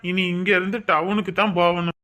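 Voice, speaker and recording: A man's voice: sits high, level tone, a little fast, bright, forceful tone. An actor playing an ordinary village man grumbling casually about closed shops.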